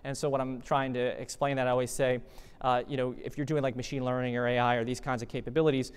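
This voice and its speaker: A man giving a conversational conference talk, animated and full of fillers like "uh" and "you know". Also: medium pitch, fast talker, smooth, big-room sound. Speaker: conference presenter. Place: conference hall.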